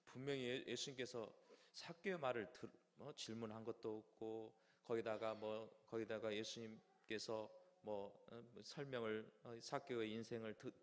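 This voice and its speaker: A man preaching a sermon, speaking haltingly with restarts and acting out quoted lines in the story. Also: mid-range voice. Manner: halting, with many restarts and fillers, voicing quoted speech. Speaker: pastor. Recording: hall reverb.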